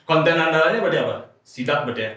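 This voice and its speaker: A man's voice: on the high side, lively intonation, rapid-fire, fairly bright tone. A man hosting a casual chat and putting questions to his guests. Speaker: host, interviewer. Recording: very echoey room, distant mic.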